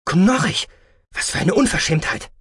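A man's voice: high voice, expressive, brisk, slightly rough, dry recording, clean studio sound, voice pushed up. Man doing an outraged stubborn old-school surgeon. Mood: indignant. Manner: outraged, stammers when confused. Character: indignant stubborn male ship surgeon, a father.

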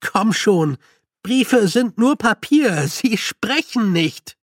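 A man's voice: sits high, animated, unhurried, breathy edge, dry recording, clean studio sound, voice pushed up, heavily acted. A man voicing a frantic young male con man, agitated and breathless. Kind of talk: audiobook character voice.

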